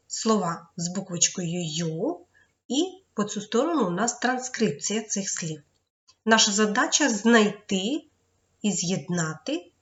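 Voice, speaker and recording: A woman's voice: medium pitch, lo-fi sound. A woman teaching a children's English lesson, patiently explaining syllables one step at a time. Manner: slow, patient, spells out syllables.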